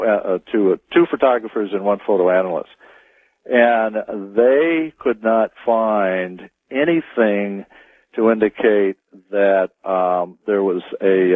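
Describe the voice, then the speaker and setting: A man answering as a radio interview guest, speaking in a halting, deliberate way and circling back on his words. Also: lowish voice, no echo. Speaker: interview guest, Bigfoot tracker. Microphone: telephone. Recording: dry, narrow phone-line sound.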